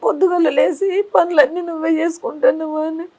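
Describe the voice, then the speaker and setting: A woman's voice: extremely high pitch, fairly even intonation, a little fast, a little mellow. A woman playing a sobbing village mother. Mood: tearful pleading. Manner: sobbing, pleading, lamenting. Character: grieving village mother, middle-aged, tender and tearful. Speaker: mother visiting her married son. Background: music.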